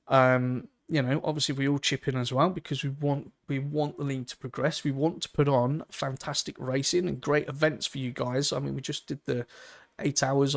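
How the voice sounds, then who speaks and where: A man's voice: mid-range voice, creaky. A man, commentating a sim racing event live in a chatty, rambling way and laughing easily. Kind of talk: live esports race commentary.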